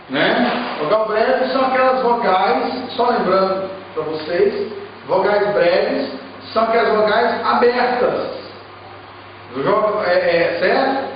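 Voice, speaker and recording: Brazilian male Hebrew teacher, high voice, coaxing classroom patter, distant muffled recording. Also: a little hiss or hum. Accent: Brazilian Portuguese. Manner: explains step by step, keeps checking with "tá certo?". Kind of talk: classroom lecture. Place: church classroom. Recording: muffled, echoey room, distant mic.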